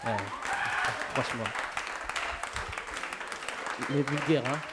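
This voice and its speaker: A man doing a stand-up comedy set on stage, playful and animated, breaking into falsetto and shouts for gags. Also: slow pace, over a noisy crowd, very noisy. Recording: live club with audience.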